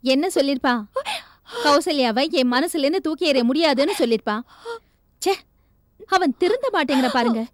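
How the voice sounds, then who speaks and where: A woman's voice: sits high, animated, brisk, pauses often, no room sound, clean studio sound. An actress playing an indignant mother complaining about a relative, in a TV serial. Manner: indignant and scolding. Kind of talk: TV serial acting.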